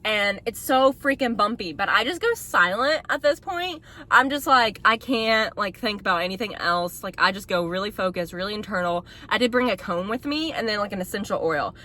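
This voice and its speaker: Bright-voiced young woman telling a story. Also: medium pitch. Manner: chatty, fills speech with "like", laughs often. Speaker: vlogger sharing her birth story. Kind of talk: casual storytelling to camera.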